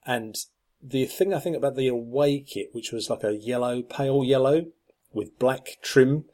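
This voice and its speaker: A man's voice: medium pitch, moderate pace, dark tone. A man co-hosting a podcast, chatting casually with plenty of ums and restarts. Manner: rambling, lots of ums and restarts. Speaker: podcast co-host. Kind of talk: casual chat.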